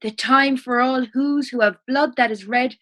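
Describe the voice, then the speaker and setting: A woman's voice: sits high, unhurried, a bit bright. A woman voicing an earnest, urgent tiny male town mayor in a storybook reading. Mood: rallying.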